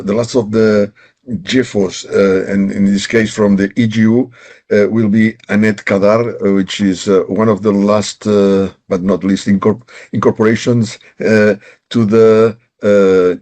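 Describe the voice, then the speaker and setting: A man's voice: fairly low pitch, a little mellow. A man moderating a webinar, introducing the next speaker politely and a little hesitantly. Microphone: video call.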